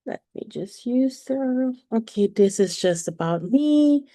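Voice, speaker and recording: A woman, a perimenopause coach giving a live online presentation in a halting way, with frequent fillers and self-corrections. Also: fairly high pitch, animated, dark tone, no room sound, clean studio sound. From Philippines. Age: 40s.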